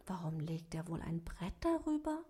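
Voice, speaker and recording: A woman reading a children's story aloud slowly and expressively, dropping to soft tones at times. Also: lowish voice, breathy edge. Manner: slow, expressive, soft passages.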